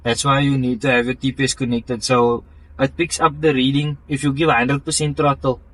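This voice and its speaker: A man explains his car build in a casual interview. He talks haltingly, restarting sentences and filling gaps with "um" and "like", at an ordinary pitch for a man. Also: little pitch movement, fairly bright tone, low-quality recording. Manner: halting, full of restarts and fillers, technical.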